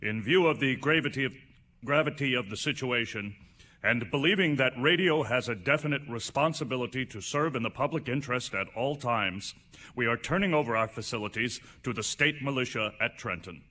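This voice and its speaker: Bright-voiced, halting executive. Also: male voice, mid-range voice, expressive. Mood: nervous, stiff. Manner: halting, stumbling, official. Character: stiff, nervous radio station executive reading a statement. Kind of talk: 1930s radio acting, read statement.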